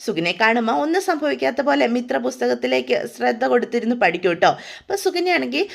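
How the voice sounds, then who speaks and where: A woman's voice: fairly high pitch, very animated, fast, gravelly. A woman casually retelling a drama episode in a chatty manner, tagging lines with a friendly aside. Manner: chatty, tags lines with a friendly 'you know'. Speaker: storyteller.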